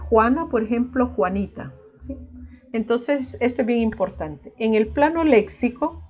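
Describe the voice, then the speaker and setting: Salvadoran woman teacher, mellow and warm tone, explanatory online class with frequent tag questions and "eh" fillers. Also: medium pitch. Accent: Salvadoran Spanish.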